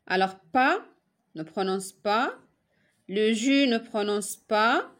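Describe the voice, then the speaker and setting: A woman from Morocco giving a slow, careful spelling lesson to young pupils, spelling out each sound one at a time. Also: mid-range voice, expressive. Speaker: teacher. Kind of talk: primary-school spelling lesson.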